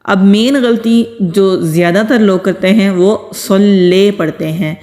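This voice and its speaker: A woman giving a recitation lesson, patiently explaining pronunciation rules step by step and reciting words slowly. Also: mid-range voice, a little mellow, big-room sound. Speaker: Quran recitation teacher.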